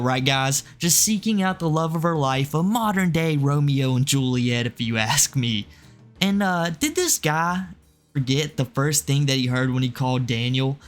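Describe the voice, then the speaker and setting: A man hosting video commentary in a sarcastic, mocking way. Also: a little high. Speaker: commentary host.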